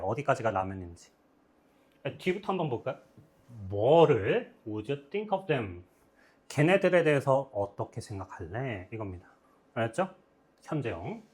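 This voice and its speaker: A man teaching English grammar, his voice rising and falling a lot as he walks through each sentence. He stops often to check whether the class has followed. His pitch sits in the middle of the usual range. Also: breathy edge. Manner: explains step by step, checks often with "got it?". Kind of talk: grammar lecture.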